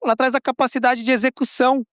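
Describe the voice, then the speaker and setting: A woman's voice: high voice, level tone, fast, dry recording, studio quality. A Brazilian woman on a conference panel, explaining points with playful examples. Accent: Brazilian Portuguese. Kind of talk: panel discussion. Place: conference stage.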